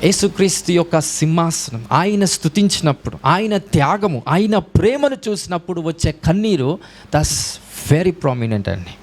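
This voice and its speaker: A man preaching a sermon as a pastor, breaking into raised shouts of hallelujah. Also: fairly high pitch, very animated, moderate pace. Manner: preaching in Telugu mixed with English, with rising shouts of hallelujah.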